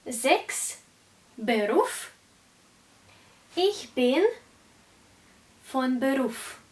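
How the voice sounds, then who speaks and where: A slow, carefully enunciating German teacher leads a lesson for beginners; she's a woman in her twenties from Russia whose native tongue is Russian. Her high voice is animated, and she is recorded from afar.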